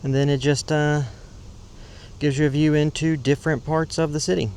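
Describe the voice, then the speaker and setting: A man's voice: on the high side, flat delivery, normal speed, a little mellow. Hesitant man rambling over outdoor noise. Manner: hesitant, rambling, matter-of-fact. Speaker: vlogger exploring a park. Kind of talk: casual unscripted narration while walking. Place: outdoors in a park. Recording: clear outdoor ambient noise. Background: outdoor ambience, road noise.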